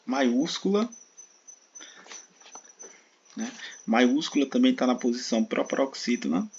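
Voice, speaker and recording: Male teacher with a Brazilian accent, mid-pitched and gravelly, patient and explanatory; slightly muffled sound. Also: unhurried, a little mellow, slight background noise. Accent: Brazilian Portuguese. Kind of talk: exam-prep video lesson. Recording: dull sound with faint crickets.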